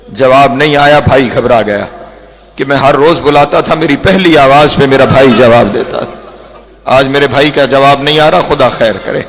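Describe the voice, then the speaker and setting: A male religious orator from Pakistan delivering a mourning sermon, pausing deliberately between sentences and chanting refrains as his voice climbs high and strains with lament. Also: low-quality recording. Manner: deliberately halting, pausing between sentences to move listeners to weep.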